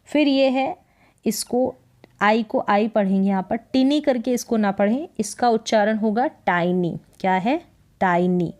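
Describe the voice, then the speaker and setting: A woman's voice: a little high, normal speed, a little mellow. A woman teaching English vocabulary and pronunciation in Hindi, patiently repeating each word and asking the listener what it is. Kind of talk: slow Hindi-medium spelling lesson.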